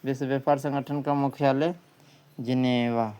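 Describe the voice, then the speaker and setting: A warm, clean-toned man with a Bihari accent speaks in a mid-range voice at a moderate pace, keeping his intonation fairly even. In this exam quiz lesson, he reads questions aloud, frequently repeats them, and then gives the answers.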